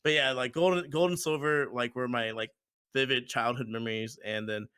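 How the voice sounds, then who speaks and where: A man's voice: medium pitch, steady tone, normal speed, bright, forceful tone, clean tone, no room sound. A man in his twenties chatting casually on a podcast, rambling and leaning on "like" and repeated words. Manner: rambling, repeats himself, uses "like" a lot. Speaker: podcast co-host. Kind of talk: casual chat.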